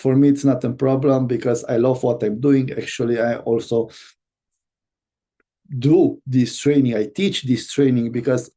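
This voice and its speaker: A Romanian man with a Romanian accent teaches an online course as a business coach, speaking haltingly with plenty of fillers and restarts. His voice is mid-range, steady, and mellow.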